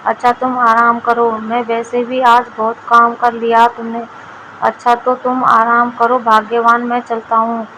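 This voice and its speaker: A simple-minded village husband from a storybook tale, as a woman narrator plays him. The voice stays a little high for a man and very level in pitch. There is a faint hum of background noise. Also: completely flat delivery, a little slow, sharp tone, rough recording. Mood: coaxing.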